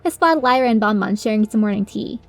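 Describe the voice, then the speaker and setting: A woman's voice: mid-range voice, lively intonation, fast talker. A woman reading a first-person story as its narrator, in a dramatic storytelling style. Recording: music under the voice.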